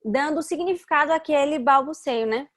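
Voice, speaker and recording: A woman host with a high voice and a Brazilian Portuguese accent. She chats casually in the interview, recounting her own experience as a mother in a conversational way. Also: moderate pace.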